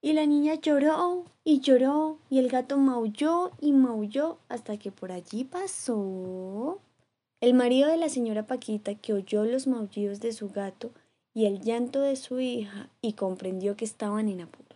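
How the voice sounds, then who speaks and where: A woman reading a children's story aloud in a gentle, rhythmic way. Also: on the high side, a little slow, slightly rough. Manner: gentle, rhythmic, lively read with repeated refrains.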